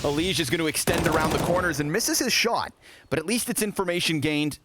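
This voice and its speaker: A man's voice: fairly high pitch, a little fast, heavy background noise. A man doing live play-by-play commentary on an esports match in vivid, flowing phrases. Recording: game gunfire and clicks behind voice. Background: video game gunshots and clicks.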